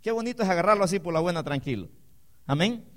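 A man preaching a sermon, calling the congregation "hermano", swinging between loud emphatic declarations and quiet, low asides. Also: lively intonation, quick pace. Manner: addresses the congregation as "hermano" with call-and-response questions.

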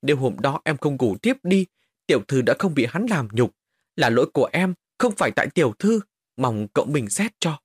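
A man voicing a desperate young maidservant who pleads loudly for her mistress. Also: mid-range voice, very animated, brisk, breathy edge, no room sound, studio quality. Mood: pleading. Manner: pleading, crying out.

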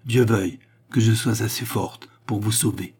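A man's voice: on the low side, steady tone, moderate pace, a little mellow, slightly rough. A man reading a novel aloud, voicing a proud young woman who speaks with fervent insistence.

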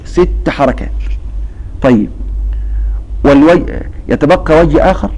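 A man's voice: on the high side, moderate pace, mellow, slight background noise, poor audio. A man teaching a religious recitation lesson, explaining patiently and quizzing his students with repeated questions. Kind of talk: classroom lesson.

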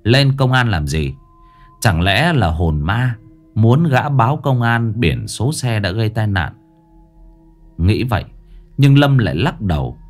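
A man narrating a ghost story in an expressive, dramatic way. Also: on the low side, measured pace, pauses often, soft background music.

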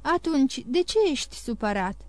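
A woman's voice: sits high, lively intonation, a little mellow, dry recording, soft background music. A woman reading an audiobook voices a loving young granddaughter who questions her grandfather in a pleading, affectionate way.

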